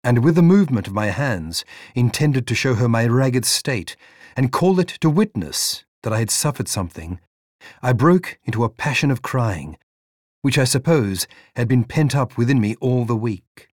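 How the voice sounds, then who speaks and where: Male audiobook narrator, measured storytelling delivery, dry close recording. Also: mid-range voice, expressive, dry recording. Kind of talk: reading a novel aloud.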